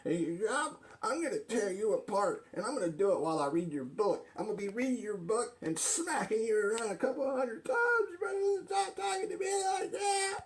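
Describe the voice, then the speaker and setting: A man's voice: a little high, very animated, unhurried, a little mellow, slight background noise. A man playing a touchy, stubborn would-be author who argues insistently, in a comic skit of arguing with himself. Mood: menacing, riled. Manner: argumentative, insistent, repetitive.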